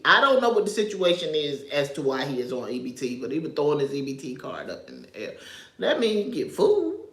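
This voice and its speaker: A low-voiced woman in a reverberant space gives casual livestream commentary. She's from New York but grew up in North Carolina, and as a social media commentator she chats, wanders off topic, and chuckles a lot.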